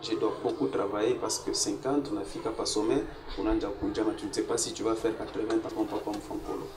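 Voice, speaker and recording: A man's voice: lowish voice, fairly even intonation, quick pace. A man, answering as a guest artist in a casual interview, laying out his plans at length and mixing in Swahili words. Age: 40s. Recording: echoey room, distant mic, noisy.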